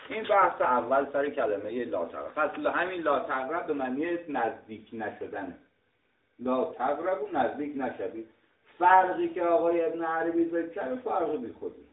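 Middle-aged guy from iran giving a religious lesson, kinda high voice, sounds like a phone line in a big echoey room. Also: animated. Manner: argumentative, explanatory, clears throat often. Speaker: religious teacher. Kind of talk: lecture on scripture. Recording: tinny, roomy, distant mic.

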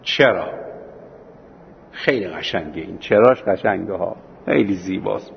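A man teaching a seminary class on Islamic law, telling anecdotes with acted-out dialogue and slowing down for points of law. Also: deep voice, lively intonation, gravelly, muffled recording, slight background noise. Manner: storytelling, acting out dialogue, slows for points of law.

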